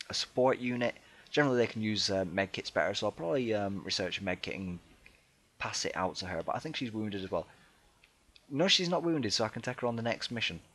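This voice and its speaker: A man's voice: fairly low pitch, a bit bright. Hesitant man giving casual game commentary. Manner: hesitant, many ums and restarts; self-deprecating and chatty. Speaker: let's play gamer.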